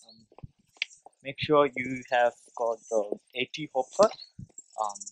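Low-voiced man vlogging on a noisy street. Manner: relaxed, chatty, laughs often, many ums. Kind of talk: casual vlog. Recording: noisy street phone recording.

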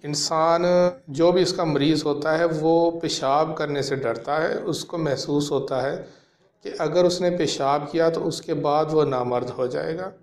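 Man in his thirties, slightly high voice, measured explainer, echoey small room. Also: steady tone. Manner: explanatory, measured, with frequent fillers. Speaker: homeopathic practitioner. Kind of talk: educational talk to camera.

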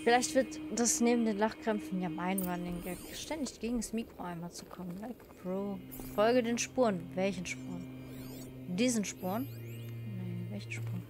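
A woman's voice: mid-range voice, normal speed. Let's player: a chatty, joking woman talking to viewers over game music. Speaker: let's play streamer. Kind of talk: casual gameplay commentary.

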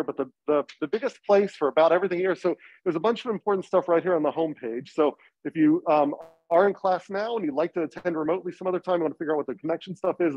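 A male lecturer talks through a face mask while getting over a cold. His fairly high voice comes across slightly dull and dry, and he explains things informally in a stop-and-start way. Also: darkish tone, no room sound. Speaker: university lecturer. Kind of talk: informal lecture introducing a course. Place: lecture classroom. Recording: slightly dull, muffled classroom recording.

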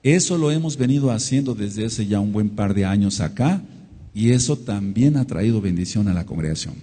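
With a dark, slightly rough voice on the low side, a man talks expressively at normal speed. He has a Mexican Spanish accent and teaches his congregation a sermon-style Torah study, repeating phrases for emphasis and calling out amen and hallelujah. The hall's reverb is long.

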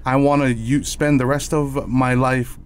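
A man's voice: medium pitch, steady tone, measured pace. A man hosting a casual podcast, enthusiastic and curious, often repeating words as he asks questions. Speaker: podcast host. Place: podcast studio with red curtains. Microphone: headset and desk podcast mic.

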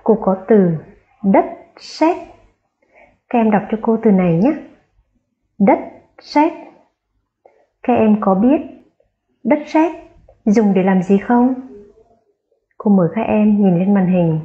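A woman's voice: medium pitch, moderate pace, long pauses, muffled recording. A woman primary school teacher giving a careful phonics lesson to young children, spelling out sounds aloud and stressing key words.

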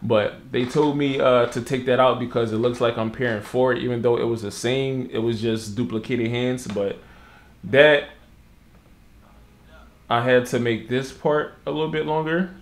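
A man's voice: medium pitch, steady tone, normal speed. A young man chatting casually in a vlog, loose and slangy, with lots of fillers and asides. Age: young adult. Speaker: content creator. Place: Los Angeles.

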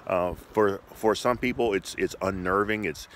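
A middle-aged man with a fairly low voice gives informal devotional teaching. He talks conversationally, repeating phrases in an encouraging way. He is recorded on a handheld phone outdoors, with clear ambient noise behind him. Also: moderate pace. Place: outdoors by a shoreline path. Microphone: phone at arm's length.

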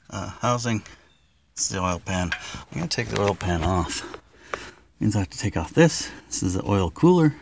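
A man's voice: low-pitched, gravelly. Chatty middle-aged man vlogging outdoors. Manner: chatty, explaining as he goes, often hushed. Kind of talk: casual running commentary. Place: in a car and outdoors in a driveway. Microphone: handheld or dash-mounted camera. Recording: noisy outdoor and road sound.

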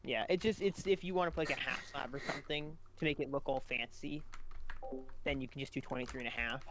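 A man's voice: medium pitch, fast, noisy background. A man chatting casually with friends as a gamer in a group voice chat.

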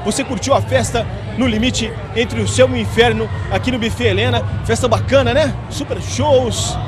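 A young man hosting nightlife TV coverage, excited and stumbling over his words, on a handheld mic. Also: very high voice, normal speed. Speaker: party reporter host. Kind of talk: nightlife TV reporting. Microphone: handheld interview mic. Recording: loud club music and crowd behind.

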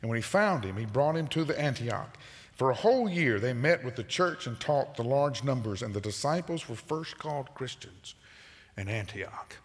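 An older man preaching a sermon as pastor, animated and moving about the stage in a large church auditorium. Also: medium pitch, normal speed. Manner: animated preacher, gesturing while pacing the stage. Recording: long reverb of a large sanctuary.

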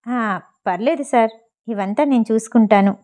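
A woman voicing a male traffic policeman who scolds briskly and then turns deferential. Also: fairly high pitch, warm tone, pitched below the performer's own voice, lightly acted.

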